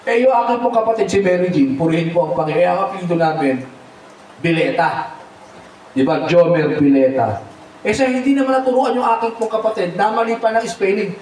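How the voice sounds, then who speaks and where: Animated pastor preaching in an echoey hall. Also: male voice, high voice, far from the mic, a little hiss or hum. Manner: animated, mixes English phrases, says amen often. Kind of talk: Tagalog sermon with humor. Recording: echoey hall, mic from afar.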